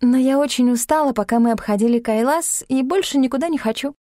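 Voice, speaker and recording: A woman's voice: high voice, fast, dark tone, no echo, pitched above the performer's own voice, natural voice. A woman reading an audiobook, voicing a dry, reluctant young woman tourist. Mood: wry. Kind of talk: audiobook character voice.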